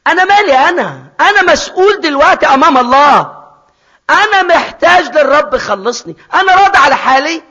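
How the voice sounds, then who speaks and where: A man's voice: expressive, quick pace, exaggerated voice. A man voicing a desperate, self-accusing young prodigal son, with an Egyptian Arabic accent, crying out his confession. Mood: anguished. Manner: loud, high, anguished inner monologue. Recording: dull, reverberant hall sound.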